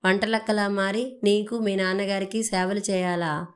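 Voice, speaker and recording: A woman's voice: medium pitch, flat delivery, moderate pace, natural voice. Woman reading an indignant young wife who holds a job, for an audio story. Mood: angry. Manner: heated, indignant delivery. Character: young working wife, proud and angry.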